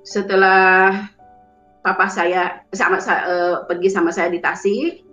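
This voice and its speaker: A woman's voice: lowish voice, level tone, fairly bright tone. A woman from West Java, Indonesia, telling her personal testimony, often restarting and correcting herself mid-sentence. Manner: halting, with frequent restarts and self-corrections. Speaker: testimony speaker. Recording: roomy, dull, lo-fi sound with faint music.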